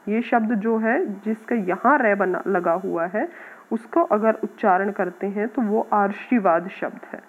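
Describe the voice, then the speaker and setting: A woman teacher patiently explaining a grammar lesson to schoolchildren, sounding out words slowly. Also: medium pitch, husky. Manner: patient, addresses students as "beta", repeats words slowly. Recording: tinny phone-like audio.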